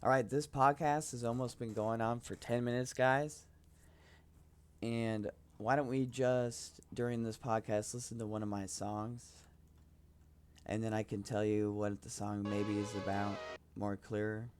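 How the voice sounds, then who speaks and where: A man's voice: on the low side, little pitch movement, measured pace, a little mellow, clean tone. A young man rambling casually about his music on his own podcast, hesitant and self-promoting. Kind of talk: casual solo podcast talk.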